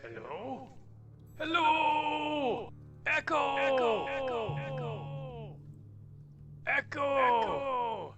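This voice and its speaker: A woman doing Clankenbeard, shouting into a cave echo. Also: high-pitched, big pitch swings, very slow, dull audio, loud music behind the voice, voice pushed up, exaggerated voice. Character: silly roving reporter shouting into the void. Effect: voice echoing as if shouted into a cave.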